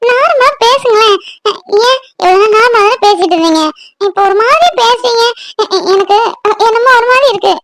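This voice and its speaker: Someone voicing a very high-pitched young bride. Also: animated, moderate pace, a bit bright, full character voice. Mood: uneasy. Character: shy young newlywed bride, caring and gentle. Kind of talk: cartoon voice acting.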